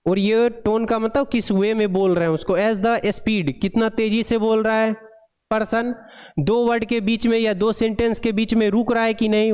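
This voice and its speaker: A man teaching pharmacy, reading lines slowly and explaining them in Hindi, often asking the class questions. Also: sits high, a little mellow, clean tone. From India. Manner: asks the class rhetorical questions. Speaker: pharmacy lecturer. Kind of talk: classroom lecture.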